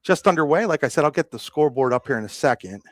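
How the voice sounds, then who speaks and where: Male announcer, slightly high voice, dry close mic, baseball play-by-play, a bit out of breath. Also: expressive, fast, dry recording. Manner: conversational, apologetic asides between calls. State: a little out of breath. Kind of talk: live baseball play-by-play commentary.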